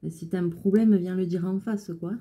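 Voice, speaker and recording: A woman's voice: lowish voice, fairly even intonation, fairly quick, dark tone, husky. A woman who runs a clothing alterations shop, chatting casually and venting with exasperation about her customers.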